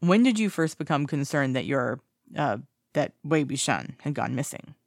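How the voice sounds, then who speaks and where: Brief: a reader doing a wry, foul-mouthed detective in a storybook reading, gravelly and dry. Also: male voice, a little high, very animated, normal speed, dry recording. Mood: questioning. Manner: blunt and sardonic. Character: blunt, irreverent male detective.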